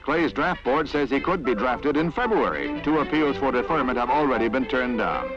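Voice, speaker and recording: A man's voice: mid-range voice, animated. A man giving punchy, scripted narration for an old 1960s newsreel. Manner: brisk, punchy announcer delivery. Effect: old newsreel sound. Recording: lo-fi 1960s newsreel audio with music. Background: music score.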